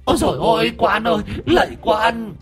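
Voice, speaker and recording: Man putting on a shrill old demon woman, high and thin, wailing, pleading, storybook spirit. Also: animated, a little fast. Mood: begging. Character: shrieking old female possessing spirit.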